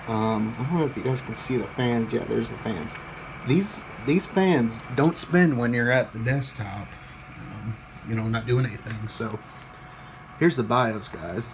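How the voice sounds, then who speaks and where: Over background noise, a young man with a mid-range voice casually vlogs his PC build. He sounds tired and does an off-the-cuff show-and-tell, rambling, swearing frequently, and joking at his own expense.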